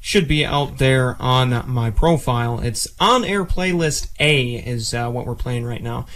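A young adult man works as a campus radio DJ, chatting casually between songs in a small indoor campus studio. His medium-pitched voice is animated, a bit bright, and a little slow. He uses a close studio microphone with headset monitors.

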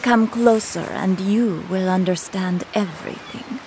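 A woman's voice: mid-range voice, measured pace, slight background noise, lightly acted, poor audio. An actress playing a solemn young female swordswoman who coldly questions her opponent. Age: young adult. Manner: calm, questioning, grave. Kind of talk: video game voice acting. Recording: game audio with music behind.

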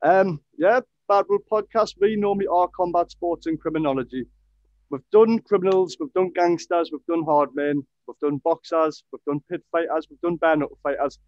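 Young guy hosting a podcast on a headset, chatty, bit high voice, dry dull sound. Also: normal speed, a little mellow, no echo. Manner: chatty, upbeat, says "brilliant" often. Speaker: podcast host. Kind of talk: casual interview. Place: home room with fight posters.

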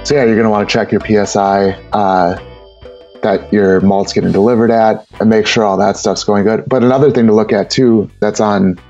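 A man's voice: lowish voice, steady tone, fairly quick, darkish tone, highs cut off, faint music behind. A man talking casually as a brewer guest on an interview podcast, rambling with many repeated words and fillers.

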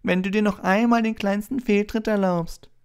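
A man's voice: sits high, steady tone, normal speed, clear, resonant tone, voice pushed up. A man doing a sneering schoolboy bully. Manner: mocking, loud and cutting. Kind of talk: audiobook reading.

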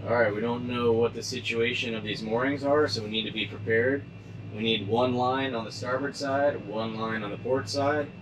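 A sailing vlogger skippers a sailboat on open water, narrating casually and matter-of-factly, explaining as he goes. His voice is mid-range and steady at a normal speed. Background noise and music play under him.

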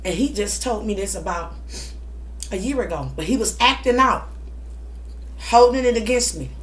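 A woman's voice: mid-range voice, lively intonation, normal speed. A middle-aged woman giving testimonial vlog talk in a preacher-like, emphatic way, repeating short phrases. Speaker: mukbang vlogger. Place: small indoor room at home.

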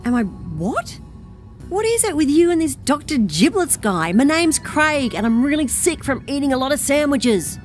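A man's voice: extremely high pitch, big pitch swings, moderate pace, faint music behind. A man voicing a whiny, defensive male alien who feels sick, in video game dialogue. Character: queasy whiny male alien named Craig.

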